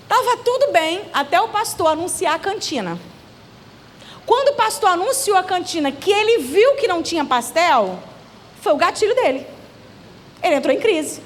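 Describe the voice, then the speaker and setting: A Brazilian woman giving a church seminar talk, telling stories with lively acted-out voices. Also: very high-pitched, a little hiss or hum. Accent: Brazilian Portuguese. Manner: animated, acting out the voices in her stories. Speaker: children's ministry leader and speaker. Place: church event hall.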